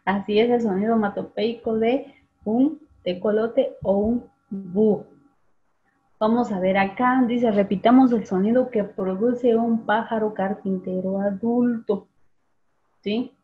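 A woman's voice: mid-range voice, steady tone. Woman teacher on a tinny call. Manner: patient, calls on students by name and repeats sounds slowly. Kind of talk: online class for students. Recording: tinny phone-like video call audio.

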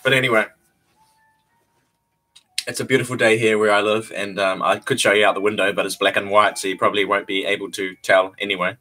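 On a casual livestream, a young New Zealand vlogger replies to viewers from a small, bare room via a webcam at his desk. He talks briskly in a lowish, level voice that's pushed and bright, yet stays laid-back, chuckling and repeating phrases.

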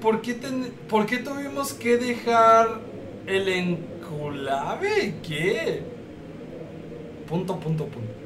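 A man's voice: extremely high pitch, lively intonation, slow, far from the mic. A man streaming a game, crude and joking, a little tipsy. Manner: crude, joking, loud outbursts. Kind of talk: casual game streaming, translating game text aloud. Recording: echoey room with background noise, off-mic.

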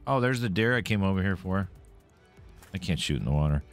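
A man's voice: sits low, lively intonation, brisk, faint music behind. A man streaming a game live, commenting casually, swearing freely and taunting the enemies he fights.

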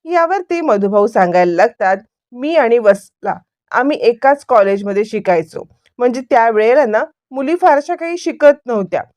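A woman narrates the events of a drama episode in a lively storytelling manner. Her voice sits a little high but has a soft, dark warmth. The recording is dry and close, with no room sound. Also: moderate pace, no room sound. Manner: animated retelling, raising her pitch for quoted dialogue. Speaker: serial episode recap narrator. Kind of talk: storytelling recap, acting out quoted lines.

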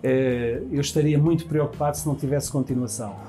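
Speaking fairly quickly with fairly even intonation, this warm, medium-pitched man in his fifties manages a restaurant and has a European Portuguese accent. He answers interview questions at length in the indoor dining room, gesturing and restarting phrases as faint music plays.

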